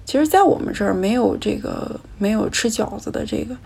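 Gravelly-voiced woman telling her own story. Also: mid-range voice, lively intonation, brisk, darkish tone. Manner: reflective, candid, emotional. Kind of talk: personal storytelling.

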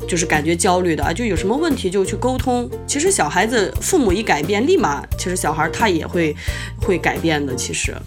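A woman's voice: lowish voice, animated, a little fast, over music. A woman in her thirties, a mother telling a story about raising her child in a chatty way, with many fillers and quoted dialogue. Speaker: mother sharing parenting experience. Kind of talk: casual storytelling.

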